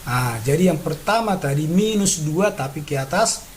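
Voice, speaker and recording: Fairly high-voiced man teaching chemistry. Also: lively intonation, moderate pace, slight background noise, rough recording. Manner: patient, repeats steps, frequent "ya" and "nah" checks. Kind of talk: classroom lesson explaining on a board.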